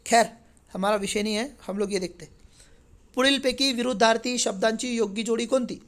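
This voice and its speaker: A man's voice: extremely high pitch, a little fast, a bit bright. Male teacher, chatty. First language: Marathi. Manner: conversational, checks in with frequent tag questions. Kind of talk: exam paper walkthrough lesson.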